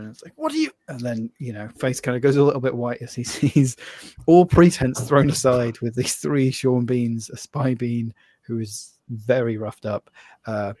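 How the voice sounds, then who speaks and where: A man's voice: medium pitch, mellow. A man narrating a live tabletop game as game master, laughing often and rambling loosely as he describes scenes.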